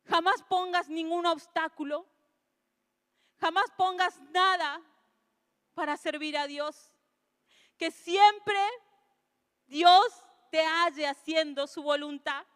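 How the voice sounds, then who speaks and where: A woman pastor, preaching an earnest sermon that builds into emotional, tearful shouting. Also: extremely high pitch, slow, pauses often. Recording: long hall reverb.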